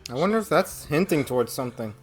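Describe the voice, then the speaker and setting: Low-voiced, animated woman reacting. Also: fast, faint music behind. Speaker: reaction video host. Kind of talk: casual reaction commentary to a cartoon.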